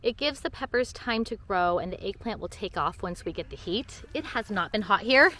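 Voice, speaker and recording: A woman's voice: mid-range voice, animated, moderate pace, bright, forceful tone. A woman giving a casual walk-and-talk tour of her vegetable garden, chatty and bubbly, laughing at her own slips, recorded outdoors on a camera she carries.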